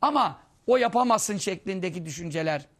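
A man giving a conversational religious lesson, telling anecdotes and acting out the people he quotes. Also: brisk. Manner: storytelling, acting out quoted voices, lively swings in pitch and loudness. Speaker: Islamic preacher teaching hadith.

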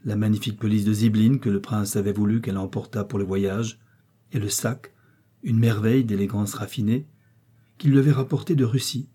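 A man reading a romantic novel aloud as an audiobook narrator, in a measured, expressive way. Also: lowish voice, breathy edge. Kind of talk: scripted narration.

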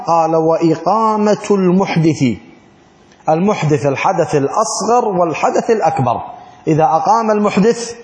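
A man's voice: high voice, a little mellow, reverberant, big-room sound. A man teaching a lesson on Islamic law. He keeps checking that his students follow, and he chants short phrases as examples. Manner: asks students frequent check questions. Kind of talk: classroom lesson.

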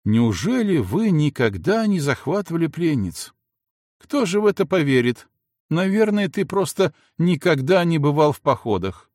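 A man's voice: fairly high pitch, big pitch swings, moderate pace, a little mellow, dry recording, studio quality, pitched above the performer's own voice. A man putting on a teasing young servant girl. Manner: teasing, coaxing, breathy and coy. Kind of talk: audiobook character voice.

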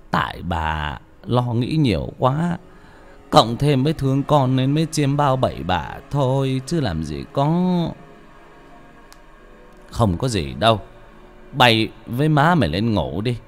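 A man's voice: mid-range voice, very animated, measured pace, faint music behind. A man voicing an old father who dismissively soothes his frightened wife and family, in an audiobook. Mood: soothing.

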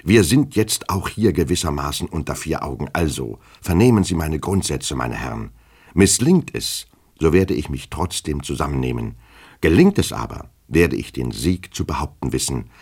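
A man playing a pompous, touchy petty official, husky. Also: a bass voice, big pitch swings, moderate pace, a little mellow, full character voice. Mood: pompous indignant. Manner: stiffly formal, indignant, self-important.

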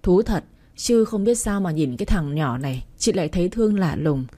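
Storybook figure: a woman voicing a tender, motherly older woman, mellow and husky. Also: fairly low pitch, lively intonation, brisk. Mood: gentle. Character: kind older single mother, gentle and tender.

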